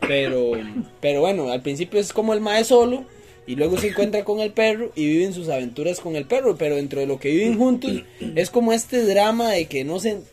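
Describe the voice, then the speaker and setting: High-voiced Costa Rican young man. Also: brisk, soft background music. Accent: Costa Rican Spanish. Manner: joking, animated storytelling with slang. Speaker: podcast co-host. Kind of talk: casual chat.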